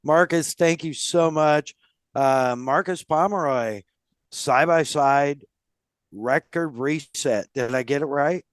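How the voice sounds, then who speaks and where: A man's voice: on the high side, slow pace, clean tone, no room sound, studio quality. A man hosting a casual podcast, friendly and loose, laughing often. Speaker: podcast host.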